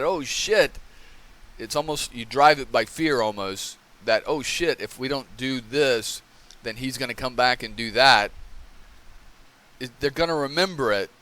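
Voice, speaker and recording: Middle-aged man, casual solo commentary, conversational, checks in with "okay?", bursts into loud acted-out bits. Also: medium pitch. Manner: conversational, keeps asking "okay?", acts out scenes loudly. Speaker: podcast host.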